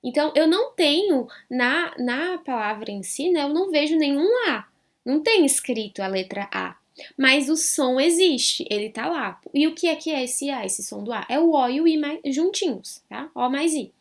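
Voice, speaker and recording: A woman with a Brazilian Portuguese accent teaching a French lesson online. She repeats each sound slowly and clearly for learners and keeps checking in with the viewer. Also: sits high, lively intonation. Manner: chatty, with frequent check-ins to the viewer.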